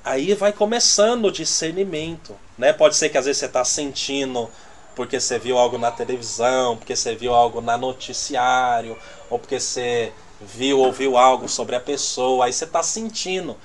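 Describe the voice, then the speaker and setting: A man teaching a church congregation in a conversational way, often checking that his listeners understand, his loudness swinging from quiet asides to emphatic bursts. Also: mid-range voice, moderate pace, slight background noise. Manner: conversational, checks the audience with constant "né?" and "tá entendendo?".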